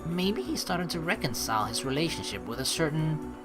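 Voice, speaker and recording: A young Dutch man streams a let's play, reading the game aloud and chatting casually in a crude, joking way with plenty of swearing. His fairly quick voice is on the high side, with big pitch swings. Video game music plays behind him.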